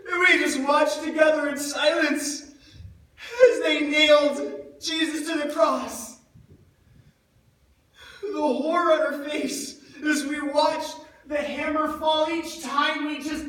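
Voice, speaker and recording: Man acting anguished Apostle John, high-voiced, echoing church. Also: a bit bright, exaggerated voice. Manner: halting, anguished, emotive delivery with repeated words. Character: grief-stricken, guilt-ridden Apostle John at the crucifixion. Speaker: actor in a church dramatic monologue. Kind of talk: theatrical dramatic monologue. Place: large echoing church indoors. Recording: echoey church, far from the mic.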